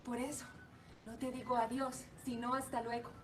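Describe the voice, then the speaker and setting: A woman plays a young patriot heroine, defiant and declamatory, in a stage drama. Her voice sits high and sounds set back from the microphone, with a faint hiss behind it. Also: level tone, normal speed, recorded from a distance, lightly acted. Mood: tender farewell.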